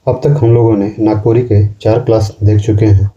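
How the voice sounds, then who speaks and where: A man teaching a class in slow, repetitive explanations, often ending sentences with a questioning tag. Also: lowish voice, level tone, dark tone, dull audio. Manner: explains slowly, repeats words and ends sentences with a questioning "ना". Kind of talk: classroom lecture.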